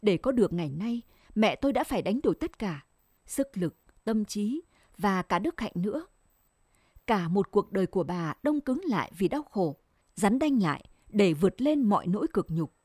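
Woman narrator, mellow warm voice, dry close sound, measured sad storytelling. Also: medium pitch, slightly rough, no echo. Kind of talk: scripted first-person story narration.

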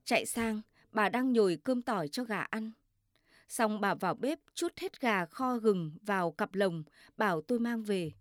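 A woman narrating a story in a measured, steady reading. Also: mid-range voice, no room sound, clean studio sound.

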